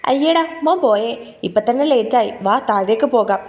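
A woman's voice: fairly high pitch, lively intonation, moderate pace, darkish tone, dull audio, close to an everyday voice. A woman voicing an affectionate, teasing young pregnant woman in an audio story. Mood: playful.

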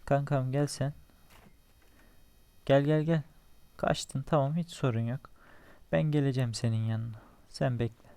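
A man's voice: mid-range voice, normal speed, gravelly, warm tone, no room sound. Young man chatting over gameplay. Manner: talks to himself and to enemies while playing, joking, swearing. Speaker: gaming channel host. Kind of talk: casual gameplay commentary.

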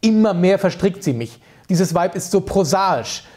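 A man's voice: mid-range voice, normal speed, dark tone, natural voice. A man reading aloud plays an eccentric, temperamental music director who talks in a theatrical, capricious way, sometimes scolding, sometimes playful. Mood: annoyed.

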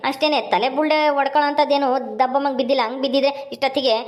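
A woman playing a grieving grown son in a village family drama, speaking in a rapid, wailing lament. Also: high voice, fairly even intonation, close to an everyday voice.

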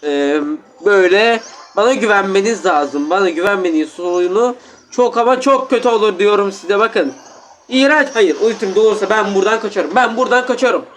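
A man with a sore throat giving excited gameplay commentary at home, exclaiming and talking straight to his viewers. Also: high voice, moderate pace, slight background noise. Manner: animated, exclaiming, keeps addressing viewers as friends. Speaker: gaming YouTuber.

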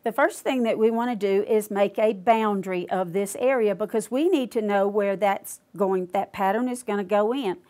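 A woman's voice: mid-range voice, moderate pace, hardly any pauses, warm tone. An older woman demonstrating quilting step by step, patiently explaining each click aloud in a studio. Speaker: quilting instructor.

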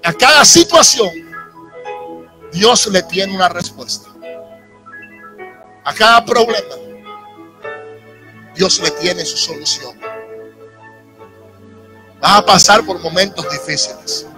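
A Dominican pastor in his thirties preaches a sermon to a congregation in a church sanctuary, using a handheld microphone as soft instrumental music plays. He speaks Dominican Spanish with a high-sitting voice, lively intonation, and a slow pace with frequent pauses, building rising emphasis and adding asides to the audience.

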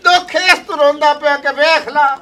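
High bright-voiced comic villager man. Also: steady tone, moderate pace. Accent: Punjabi, Pakistani. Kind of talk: rustic comedy sketch acting.

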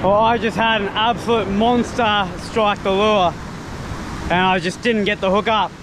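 Excitable young man outdoors by the surf. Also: sits high, measured pace. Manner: excitable, bursts into shouts at strikes. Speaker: fishing vlogger. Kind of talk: casual solo vlog narration. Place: rocky ocean shore outdoors. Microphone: action camera at arm's length. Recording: loud surf and wind noise.

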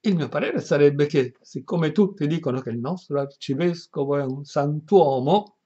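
A man's voice: fairly high pitch, normal speed, warm tone, natural voice. A man voicing a wheedling middle-aged housekeeper, coaxing with feigned tender concern, in a dull lo-fi recording. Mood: persuasive.

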